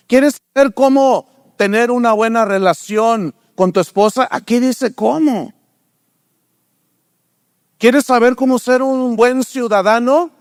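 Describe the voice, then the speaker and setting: A man's voice: clear, resonant tone, dry recording, clean studio sound. An older man preaching a sermon, asking the congregation rhetorical questions and acting out characters in his stories. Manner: animated storytelling, acts out characters in raised pitch. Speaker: pastor.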